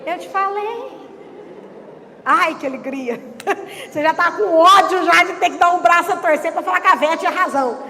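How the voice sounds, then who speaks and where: A woman pastor preaching a lively, chatty sermon and teasing the congregation. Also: extremely high pitch, a little fast, slight background noise. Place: church. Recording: reverberant church hall.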